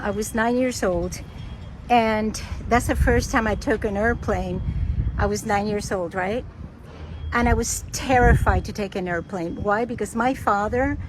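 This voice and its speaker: An older woman from Cuba, chatting playfully while walking outdoors, slipping in Spanish as she vlogs. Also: fairly high pitch. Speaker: vlogger. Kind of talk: casual walking vlog chat. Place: outdoors on city streets, walking. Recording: street traffic noise behind.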